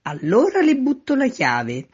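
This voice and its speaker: A woman voicing a confused man who calls down from a high window. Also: wildly swooping pitch, a little slow, a little mellow, slightly rough, lo-fi sound, heavily acted. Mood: calling down. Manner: calling out from a distance, increasingly bewildered.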